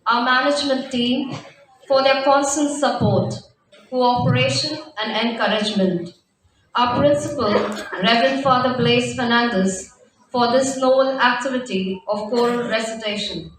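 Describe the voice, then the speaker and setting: Woman, slightly high voice, formal scripted thank-you speech, very reverberant hall, distant mic. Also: moderate pace. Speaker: teacher giving a vote of thanks. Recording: very echoey hall, distant, faint noise.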